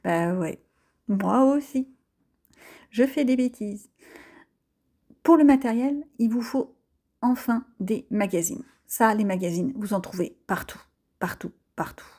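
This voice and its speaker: A woman's voice: mid-range voice, measured pace, pauses often, dark tone, slightly rough. A French-accented woman chatting casually through a crafting tutorial, self-deprecating and full of fillers. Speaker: crafting vlogger.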